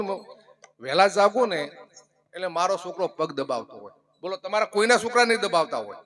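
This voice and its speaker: A young man with a Gujarati accent telling comic stories live on stage, animated and acting out the characters in his jokes. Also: sits high. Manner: animated, acts out quoted characters, shouts punchlines. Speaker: folk comedian and storyteller at a devotional music program.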